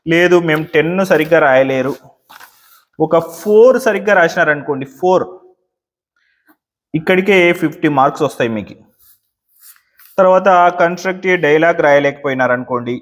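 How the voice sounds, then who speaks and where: A man teaching exam tips, often repeating words slowly to show where the stress falls. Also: on the high side.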